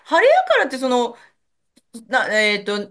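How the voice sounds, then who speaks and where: High, very expressive woman host. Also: a little slow. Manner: eager listener, frequent laughter and backchannels. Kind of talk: casual chat.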